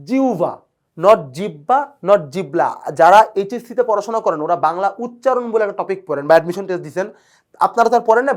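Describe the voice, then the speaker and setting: Fast-talking male teacher. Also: sits high. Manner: fast, checks in constantly with "clear, sir?"; enthusiastic about word origins. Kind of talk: recorded exam-prep lecture.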